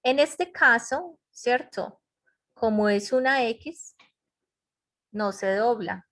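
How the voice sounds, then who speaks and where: A woman's voice: fairly high pitch, expressive, slow pace, fairly bright tone. A woman teaching English grammar in an online class, explaining step by step and checking in with her students. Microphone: computer mic in a web conference.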